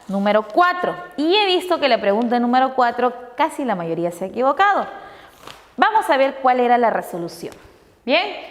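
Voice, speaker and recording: Woman teacher going over a test, high voice that jumps around a lot, answers her own questions, echoey room. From Peru. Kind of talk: reviewing test answers with pupils.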